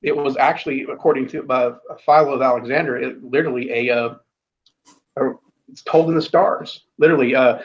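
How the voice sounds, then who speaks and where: A man's voice: medium pitch, fairly even intonation, brisk. A man talking in a casual conversation, rambling with many restarts and fillers and blunt, casual swearing. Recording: dull lo-fi audio.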